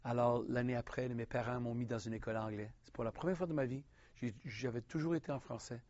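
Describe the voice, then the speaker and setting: A man from Quebec with a Québécois French accent, preaching a personal testimony in an earnest, halting way with frequent restarts. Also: medium pitch, steady tone, a little mellow, dry recording, dull audio.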